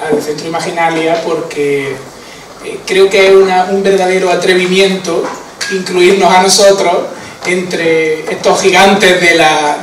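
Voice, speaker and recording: A high-pitched man with an Andalusian Spanish accent, from Andalusia, Spain, gives an informal, chatty conference talk full of fillers and tag questions. The conference hall is echoey and his voice sounds far away, with slight background noise.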